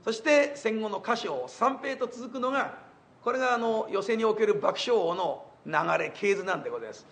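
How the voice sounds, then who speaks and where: An older man telling stage reminiscences in rough, colloquial speech with wry asides. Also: high-pitched, expressive, brisk, fairly bright tone. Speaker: comic storyteller.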